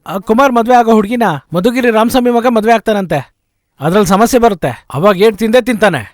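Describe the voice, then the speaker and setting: A meddling villager voiced by a man, high-pitched and quick. His talk runs fast with grim warnings. The sound is dry and close. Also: no echo, lightly acted. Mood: provocative. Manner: provocative, rapid warnings. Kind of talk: Kannada film dub.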